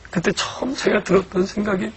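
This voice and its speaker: A man, a church deacon, telling his personal faith testimony in an earnest, emotional way, going from hushed to loud. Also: high-pitched, brisk, slight background noise, poor audio.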